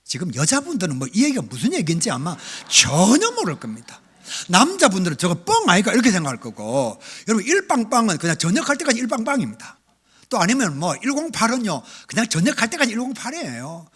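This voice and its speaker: A middle-aged male pastor preaching a revival sermon, telling his own story with big swings between loud and hushed. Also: high voice, wildly swooping pitch, quick pace, breathy edge. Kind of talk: revival sermon with personal testimony. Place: church sanctuary.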